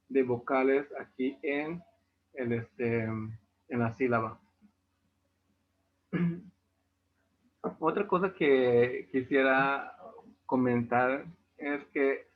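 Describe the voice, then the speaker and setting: Yucatecan guy teaching a class online, slow and patient, tinny call audio. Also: mid-range voice. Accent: Yucatecan Spanish. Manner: patient, explanatory. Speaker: language teacher. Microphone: video call.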